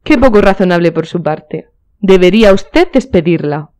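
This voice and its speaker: A woman's voice: fairly low pitch, lively intonation, moderate pace, darkish tone, natural voice. A woman voicing a charming young male aristocrat in a storybook reading, with a light, easy manner.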